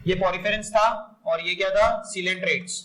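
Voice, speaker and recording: A man teaching biology in a classroom, loud and energetic, quizzing and praising his students. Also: sits high, slow pace. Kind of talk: lively classroom lecture. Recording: noisy classroom recording.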